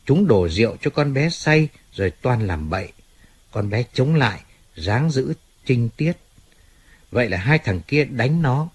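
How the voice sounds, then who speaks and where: A husky-voiced man reading the part of an aging undertaker who pleads plaintively and with self-pity in an audiobook. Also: mid-range voice, expressive, a little slow. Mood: grieving. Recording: faint music in background.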